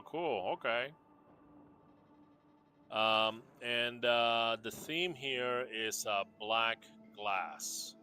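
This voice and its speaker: A lowish, bright, pushed voice belongs to a man from Puerto Rico chatting about the character builds he's made in a game. He stays relaxed and rambling, with frequent fillers and false starts.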